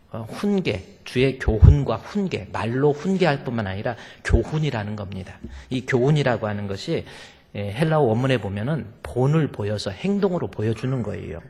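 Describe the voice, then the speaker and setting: A man's voice: mid-range voice, animated, normal speed, a little mellow, husky. A male pastor preaching a sermon to his congregation, emphatic and full of rhetorical questions. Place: church sanctuary. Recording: long church reverb.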